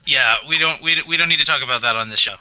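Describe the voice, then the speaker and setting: A man's voice: mid-range voice, fast talker, noisy background. A man hosting a podcast in casual chat, hesitant with many fillers as he works through a list of names. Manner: hesitant, lots of "uh" fillers, reads through lists. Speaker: podcast host. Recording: dull, dry, muffled audio.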